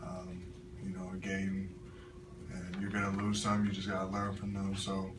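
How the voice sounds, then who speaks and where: A young college basketball player answers postgame press questions after a loss in a low, monotone voice, his measured, halting replies full of fillers. He speaks at a table mic in a press room with a sponsor backdrop, and a camera on the floor records him from far off in an echoey, noisy room.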